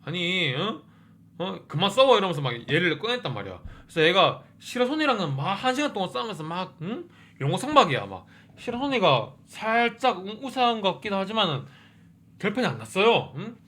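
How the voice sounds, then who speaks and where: Hyped guy rambling about an old tv drama, high bright voice, jumps all over the place pitch-wise. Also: brisk. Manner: excitable, keeps asking 응? and 어? mid-sentence. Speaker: review channel host. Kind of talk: casual commentary on a TV drama.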